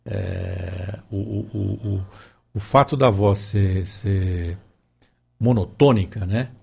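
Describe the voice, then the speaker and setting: A man's voice: deep voice, takes it slowly, gravelly, dark tone, breathy edge. A man talking in a casual conversation, hesitant, with many fillers and restarts.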